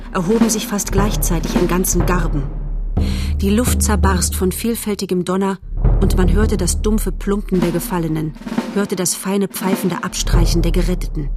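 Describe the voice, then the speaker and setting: A woman narrating a storybook in a measured, calm way. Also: mid-range voice. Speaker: audiobook narrator.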